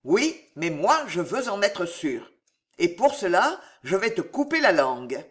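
A storyteller voices a wicked old miser, cruel and gloating, who mocks his victim with dark relish. The voice sits a little higher and louder than the narration, with a lively, swooping pitch. It comes from a read-aloud storybook. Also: measured pace. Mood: menacing. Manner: mocking, menacing, laughs darkly.

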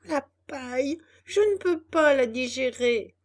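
A woman's voice: high voice, animated, slow, voice pushed up. A woman voicing a young puppet turned into a donkey, whining and complaining. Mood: whiny.

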